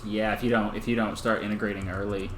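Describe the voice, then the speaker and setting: A man's voice: fairly low pitch, flat delivery, fast. Easygoing man with East Texas accent. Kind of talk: casual chat. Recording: echoey room with faint hiss.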